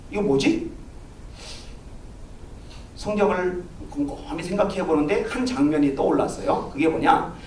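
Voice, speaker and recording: A pastor preaching a sermon, telling a story with lively swings of voice and acting out the people in it. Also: male voice, high-pitched. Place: church sanctuary. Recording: echoey church, from far off.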